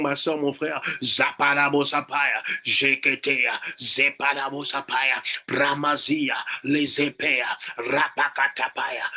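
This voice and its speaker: A man with a mid-range, bright voice preaches and leads prayer like a pastor, speaking forcefully. His exhortation and chanted prayer are emphatic, repeating words and phrases again and again.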